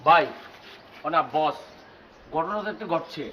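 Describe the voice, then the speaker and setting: An actor playing an eager, deferential young sidekick who speaks. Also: male voice, a little high, unhurried, dull audio, a little hiss or hum, lightly acted. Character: fawning young male sidekick.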